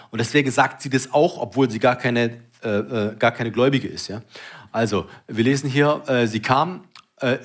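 A man's voice: mid-range voice, husky. A man, a father, preaching a sermon in a conversational way, often checking in with his listeners. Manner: conversational, often adds "ja?" to lines.

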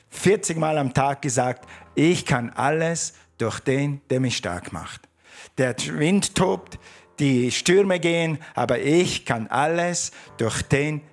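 A male pastor preaching a sermon, emphatic, repeating key phrases and calling on the congregation to answer him. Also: a little high.

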